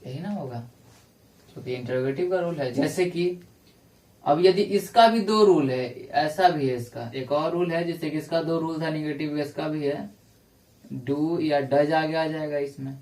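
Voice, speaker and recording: A male English teacher giving a classroom lecture, explaining grammar rules step by step and repeating each example slowly. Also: fairly high pitch, a little mellow. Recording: echoey room, voice from a distance.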